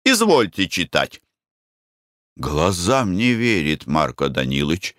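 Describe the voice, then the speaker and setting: A man reading a classic novel aloud as a narrator, in a measured storytelling manner. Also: medium pitch, fairly bright tone, no room sound, clean studio sound. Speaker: audiobook narrator. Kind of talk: scripted narration.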